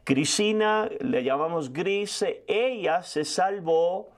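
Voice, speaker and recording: A man in his sixties telling a story in a sermon as a preacher, quick and full of restarts. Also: sits high, expressive. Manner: fast storytelling with frequent restarts. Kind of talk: sermon testimony.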